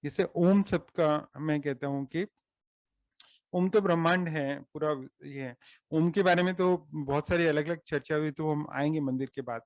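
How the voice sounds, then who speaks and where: Earnest Indian man with a gravelly voice. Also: on the high side, normal speed, no echo. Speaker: speaker at a study circle meeting. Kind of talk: explanatory talk on Indian customs.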